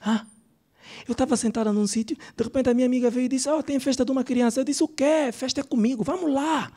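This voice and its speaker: A man's voice: very high voice, fast. A man playing a brash, gossipy Angolan woman. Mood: chatty. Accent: Angolan Portuguese. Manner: chatty, animated storytelling. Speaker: stand-up comedian. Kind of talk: stand-up character bit. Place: comedy club stage.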